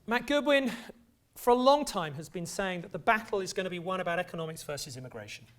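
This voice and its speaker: A middle-aged man with an English accent lectures in a lecture hall. His voice sits high for a man, and he keeps a loose, conversational manner with dry little asides. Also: animated, fast talker, a bit bright. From England. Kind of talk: academic lecture.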